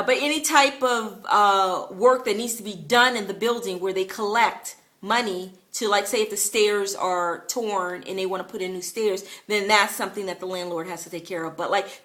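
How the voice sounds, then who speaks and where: A woman's voice: medium pitch, steady tone, moderate pace, few pauses, fairly bright tone. A woman chatting to camera about her early days living abroad, storytelling casually with lots of fillers and the odd laugh. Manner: chatty, many fillers, laughs while telling. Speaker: vlogger.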